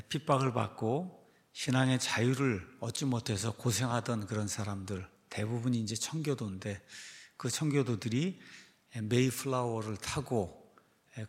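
A man in a pastor's role teaches church history and walks through it step by step. He uses many fillers and asks rhetorical questions that he then answers himself. His voice sits at a medium pitch and trails off with a long hall echo.

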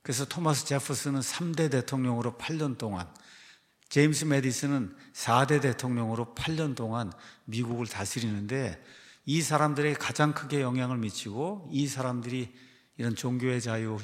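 A male pastor giving a church history lecture, explaining step by step with frequent fillers and rhetorical questions. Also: mid-range voice. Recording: long hall reverb.

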